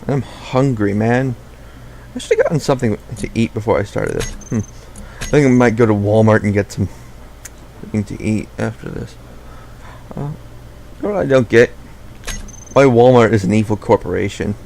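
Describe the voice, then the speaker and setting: A man's voice: on the low side, moderate pace, gravelly, long pauses, a little mellow, a little hiss or hum. A young man giving casual, rambling gameplay commentary, often correcting himself mid-sentence. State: out of breath.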